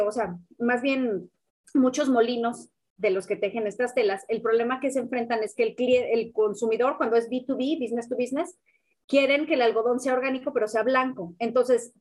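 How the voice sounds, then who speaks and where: Young Mexican woman, guest expert, lively casual delivery, a bit high-pitched. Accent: Mexican Spanish. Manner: animated, casual slang, frequent fillers. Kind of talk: conversational explaining.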